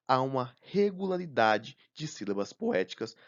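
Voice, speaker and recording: A man narrating a recorded lesson, slow and deliberate, counting syllables aloud one by one. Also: medium pitch, very animated, dull audio, a little hiss or hum. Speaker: teacher.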